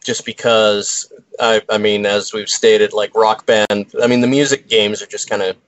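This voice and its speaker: A man's voice: fairly low pitch, little pitch movement, normal speed, no echo, poor audio. A man giving his opinion as a guest on a casual panel, hesitating and restarting as he thinks aloud. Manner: hesitant, many fillers and restarts.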